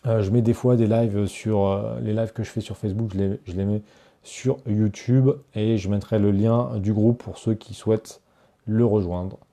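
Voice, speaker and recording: A man's voice: fairly low pitch, fairly even intonation, moderate pace, mellow. A man hosting a live stream, chatting casually with viewers and answering their questions, with lots of fillers and restarts. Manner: talks straight to viewers, reads out chat questions. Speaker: online course creator hosting a live Q&A.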